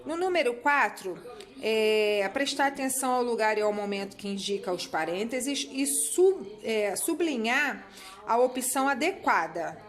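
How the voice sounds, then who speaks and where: A woman teaching a class, her voice sitting a little high. She explains each exercise patiently and step by step, often pausing to check that the students are following. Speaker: Spanish teacher.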